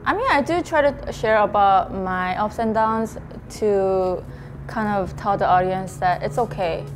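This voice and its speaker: A young woman talking as a guest in a casual interview, chatty and relaxed, laughing often and saying "like" a lot. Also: medium pitch, measured pace, slight background noise, poor audio. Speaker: guest, mukbang video creator.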